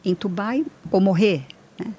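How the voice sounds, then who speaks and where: A woman's voice: medium pitch, moderate pace, dark tone. A middle-aged woman, earnestly telling her personal story as an interview guest. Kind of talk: emotional personal testimony.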